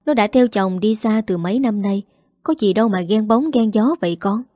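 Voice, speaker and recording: Woman voicing a gentle elderly mother-in-law. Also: mid-range voice, moderate pace, no room sound, studio quality, close to an everyday voice. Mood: soothing. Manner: soothing, coaxing.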